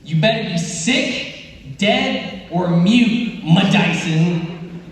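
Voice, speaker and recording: A man plays a flustered substitute teacher in a school comedy skit, easily riled and full of threats. His voice is high and he drags out his words in exasperation. It carries from a distance through a big hall with long reverb. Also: lively intonation, heavily acted. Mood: furious, flustered. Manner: flustered, exasperated, threatening, drawn-out name calling. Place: large indoor school assembly hall.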